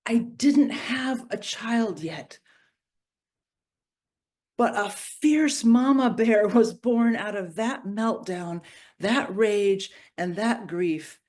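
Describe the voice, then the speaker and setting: A middle-aged woman giving a personal storytelling reflection at a church service, moving from playful to hushed and grave. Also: medium pitch, very slow. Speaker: worship reflection speaker.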